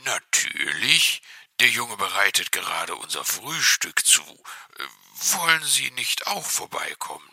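A man voicing a cheerful, oddly sweet male fox in a storybook reading, slow and drawn out. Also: sits low, sing-song, gravelly, pushed and bright, breathy edge, no room sound, pitched below the performer's own voice, exaggerated voice. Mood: jovial. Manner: jovial, drawn-out.

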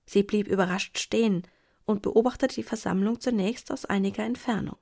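A woman reading a children's Christmas story aloud. Her storytelling is calm and gently expressive, and her voice sits at a mid pitch. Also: fairly quick, creaky. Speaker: narrator.

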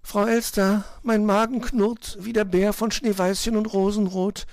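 A man voicing a small, timid male bird with a squeaky, piping voice for a storybook audiobook. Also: level tone, measured pace, a little mellow, no room sound. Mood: whiny. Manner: timid, whiny about hunger.

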